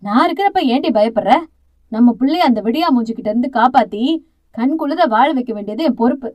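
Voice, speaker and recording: A woman's voice: a little high, animated, brisk, a little mellow. A woman voicing a fierce, domineering middle-aged aunt who scolds with harsh contempt, in an audio novel. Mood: firm reassuring.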